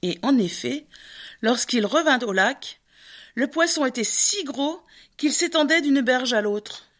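A woman reading a fairy tale aloud as a storyteller, measured and expressive. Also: high-pitched. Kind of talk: scripted narration of a fairy tale.

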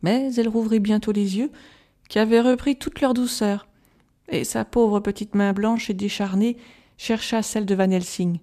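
A woman reading a gothic novel aloud as an audiobook, calm and measured, softly voicing the quoted lines. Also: mid-range voice. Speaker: audiobook reader. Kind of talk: scripted narration of a gothic novel.

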